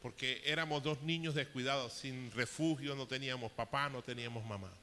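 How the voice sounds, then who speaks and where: A man's voice: mid-range voice, fairly quick, bright, forceful tone, a little hiss or hum. A man in his fifties preaching a sermon as a pastor, telling a personal story with emotion and rising intensity. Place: church hall. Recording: long hall reverb.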